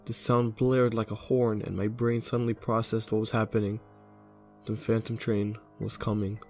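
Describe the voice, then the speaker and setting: A man narrating a scripted horror story in a steady, low-key way. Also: moderate pace, faint music behind.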